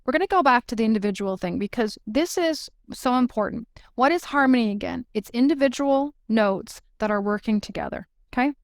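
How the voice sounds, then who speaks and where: Woman channeler, higher voice, emphatic, tags lines with "right?", dry close sound. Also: animated, brisk, few pauses, no echo. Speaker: channeler for a spirit collective. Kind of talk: channeled spiritual guidance in an interview.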